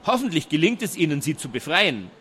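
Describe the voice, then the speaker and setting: A man voicing an excitable elderly inventor professor in a storybook reading, fussy and quick to shout. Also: on the high side, slight background noise. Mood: worried. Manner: agitated, shouts when upset.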